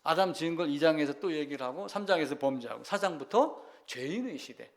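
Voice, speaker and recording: A male pastor preaching a sermon in a conversational way, asking the congregation questions and swinging between loud emphasis and quiet asides. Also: a little high, expressive, fairly quick.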